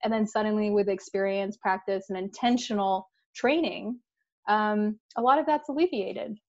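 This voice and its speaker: A woman's voice: mid-range voice, moderate pace, muffled recording. A woman guest in a casual interview, upbeat and laughing, explaining things with everyday examples. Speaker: guest sharing diving stories.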